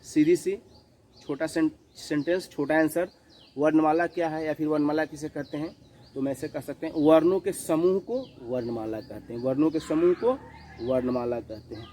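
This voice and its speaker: A man teaching a children's grammar lesson, repeating each definition slowly, asking questions and answering them himself, and mixing in English words. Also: fairly high pitch, warm tone, a little hiss or hum, poor audio. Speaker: school teacher.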